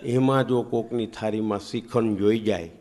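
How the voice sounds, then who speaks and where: A male comedian, telling a teasing comic story on a live stage, and his pitch and loudness swing widely. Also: steady tone, moderate pace, a crowd in the background.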